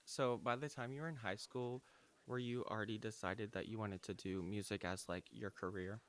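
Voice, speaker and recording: A man hosts a casual interview in a smooth, resonant voice pitched on the low side. He sounds upbeat and enthusiastic, full of slangy reactions. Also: fairly even intonation, normal speed, a bit bright. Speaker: podcast host.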